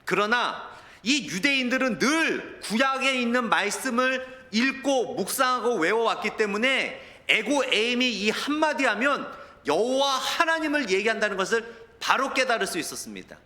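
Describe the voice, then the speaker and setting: A male pastor preaching a sermon in a lively, storytelling manner. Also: very high voice, normal speed. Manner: animated preaching, mixes in anecdotes and quoted dialogue. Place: church sanctuary. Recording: long church hall reverb.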